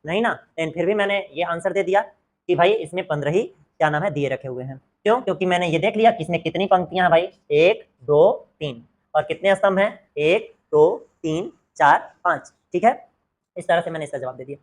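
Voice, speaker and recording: A man's voice: fairly high pitch, animated, a little fast. A man teaching a math lesson, asking questions and answering them himself, repeating the key words. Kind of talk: exam-prep math lesson.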